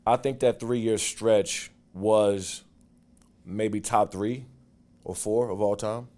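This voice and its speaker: A man in his forties telling stories from his football career in a casual interview, animated and getting loud and quick when excited. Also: fairly low pitch. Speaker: guest, former football player.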